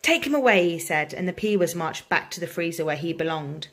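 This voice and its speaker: A woman, a primary school teacher, reading a picture book aloud to children in an expressive, engaging way. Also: deep voice, a little fast.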